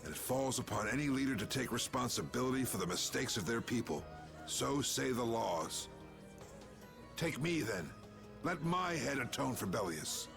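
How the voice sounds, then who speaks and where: A man playing a gruff, stoic old guild boss in a video game, speaking with blunt, folksy authority. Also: medium pitch, animated, moderate pace. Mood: grave, resolute. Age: older. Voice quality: gruff, gravelly. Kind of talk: dramatic video game dialogue. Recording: game audio with loud music.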